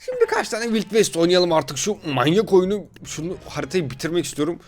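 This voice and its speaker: Lively, excitable man gaming on camera. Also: sits high, a little fast. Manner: playful, excitable, joking with viewers. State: sleep-deprived. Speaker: gaming YouTuber. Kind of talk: casual gameplay commentary.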